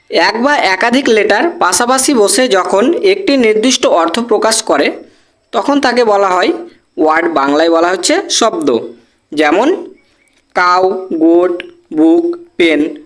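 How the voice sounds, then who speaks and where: A teacher giving a grammar lesson, patiently repeating example words syllable by syllable and often checking that students follow. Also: medium pitch. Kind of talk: Bengali-language English grammar lesson.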